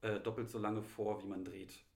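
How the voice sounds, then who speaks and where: Man from Munich, interview guest, hesitant, lots of fillers, low gravelly voice, echoey room. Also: flat delivery, a little mellow. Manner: hesitant, many ums and pauses. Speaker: guest, assistant director. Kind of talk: casual interview answers. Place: host's living room.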